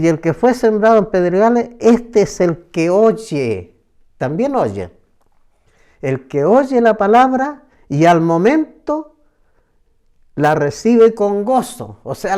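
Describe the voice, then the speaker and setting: A man teaching a Bible passage verse by verse, slow and emphatic, often repeating words for stress. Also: sits high, dark tone, clean tone. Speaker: preacher.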